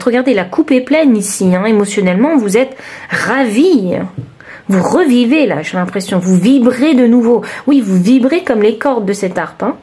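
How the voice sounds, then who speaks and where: A woman giving a chatty, expressive tarot reading, talking straight to her listeners and exclaiming over the cards. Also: mid-range voice, slightly rough. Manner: addresses listeners directly. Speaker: tarot card reader. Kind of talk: informal tarot reading to camera.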